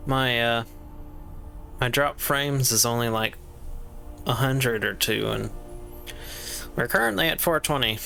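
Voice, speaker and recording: A man's voice: medium pitch, creaky, pushed and bright. A man chatting casually to himself as he streams a game, rambling about his inventory and stream problems. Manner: rambling, talks to himself while playing. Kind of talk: casual gameplay commentary.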